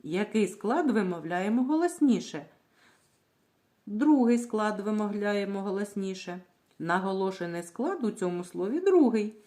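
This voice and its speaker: A woman teaching a reading lesson to young children, sounding out words slowly and clearly, asking questions and then answering them herself. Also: medium pitch, animated, dark tone. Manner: slow, clear, drawing out words syllable by syllable. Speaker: primary school teacher.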